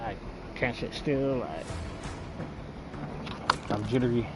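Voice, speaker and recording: A man's voice: mid-range voice, slow, loud music behind the voice. A man rambling casually and bluntly with plenty of swearing, talking with a lip full of dipping tobacco. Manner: blunt, coarse, frequent swearing. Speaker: gaming video creator.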